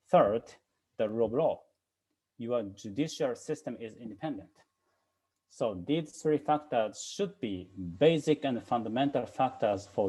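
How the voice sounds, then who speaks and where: A man gives a lecture in English, his voice dark and a little husky. He keeps returning to "you know" while stressing his main points. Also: mid-range voice, poor audio. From Japan. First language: Japanese. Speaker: guest speaker, China scholar. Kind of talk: lecture-style talk.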